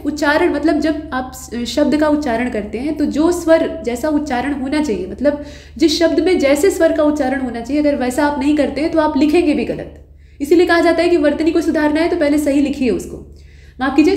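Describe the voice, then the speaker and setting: A woman with a high voice teaches exam-prep grammar, working through each answer step by step. She keeps putting questions to her students and fixes her own slips as she goes. The sound bounces around a roomy space. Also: a little mellow. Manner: patient explainer who asks students rhetorical questions; corrects her own slips mid-sentence.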